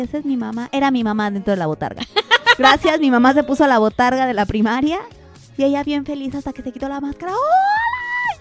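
A woman with a Mexican accent telling a funny story on a radio show, acting out her mother's voice. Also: high-pitched. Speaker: radio host.

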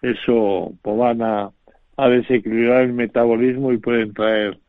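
A male doctor heard over the phone, giving measured, formal advice on a radio show. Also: medium pitch, little pitch movement, dry recording. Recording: dry narrow phone line.

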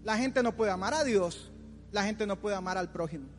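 Speaking at normal speed in a voice that sits high, a man in his forties preaches informally to youth as a pastor. His tone is colloquial and teasing, and he acts out imagined complainers; the hall has a long reverb and music plays underneath.

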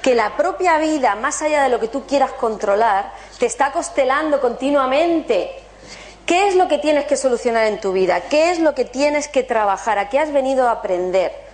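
A woman from talks to a room of listeners. Her fairly high voice is animated and keeps turning to rhetorical questions. She sounds like a spiritual workshop speaker. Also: moderate pace. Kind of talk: motivational talk to an audience.

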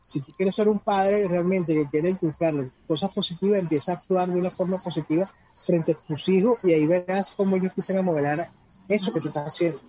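Earnest man with a mellow, lo-fi voice. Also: sits high, fairly even intonation, fast talker, slightly rough. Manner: earnest, repeats words while searching for them. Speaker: guest speaker on personal growth. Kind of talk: casual conversational advice. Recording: dull lo-fi sound with faint background noise.

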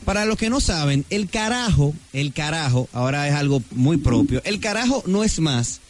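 A man's voice: fairly high pitch, animated, moderate pace. A man co-hosting a casual radio talk show, telling stories and acting out quoted dialogue. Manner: storytelling, acts out quoted dialogue. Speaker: radio co-host. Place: radio studio.

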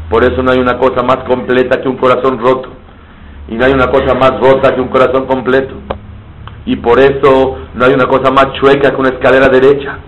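Guy giving a sermon, asks himself questions and answers them, a bit muffled w/ faint hiss. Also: medium pitch. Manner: explains terms in Hebrew and Spanish, asks and answers his own questions. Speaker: rabbi teaching Torah. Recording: slightly dull, faint background hiss.

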